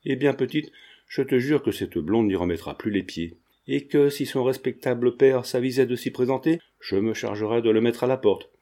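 A man reading the part of a bluff male friend who talks briskly and reassuringly. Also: medium pitch, warm tone, lightly acted. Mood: jovial.

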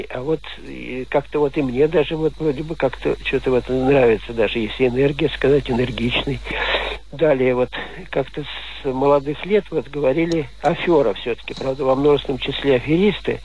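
A man's voice: mid-range voice, darkish tone. A man calling in to a radio show who asks his questions in a rambling way, full of fillers. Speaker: caller. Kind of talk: call-in question. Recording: muffled phone line with faint hiss.

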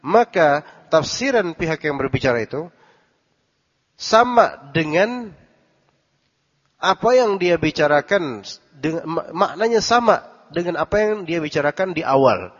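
Guy giving a religious lesson, kinda high voice, explains line by line, asks if everyone gets it, muffled echoey hall. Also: lively intonation, measured pace, long pauses. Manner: explains Arabic text phrase by phrase, quizzes listeners. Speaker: religious teacher. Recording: dull recording with long hall reverb.

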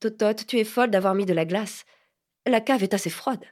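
A woman's voice: mid-range voice, moderate pace, darkish tone, natural voice. A poised, aloof lady talks with a grave, teasing irony and never hurries, as a woman reads her in an audiobook. She sounds cool and amused at once. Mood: languid. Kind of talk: audiobook character reading.

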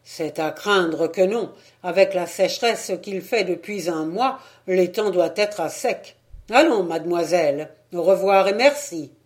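Lady reading as a chill joking village priest, firm and slow. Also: lowish voice, animated. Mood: easygoing. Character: jovial good-natured country priest, man.

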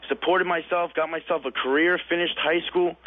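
A young man in his twenties calls in to a radio show. He talks bluntly and casually, scattering "dude" and "man" through his advice. His voice sits a bit high and comes through a tinny phone line. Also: fairly even intonation, a little fast. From California. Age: 20s. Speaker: caller. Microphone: telephone.

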